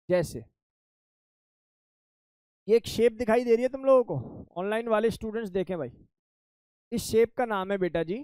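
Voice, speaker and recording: A man's voice: high voice, darkish tone, no room sound. A male chemistry teacher, lecturing a classroom of offline and online students, repeating questions and coaxing them by name. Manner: calls students by name, says beta and bhai.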